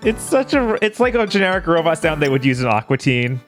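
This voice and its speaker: A man's voice: fairly high pitch, sing-song, brisk, soft background music. A man chatting casually as co-host of a gaming stream.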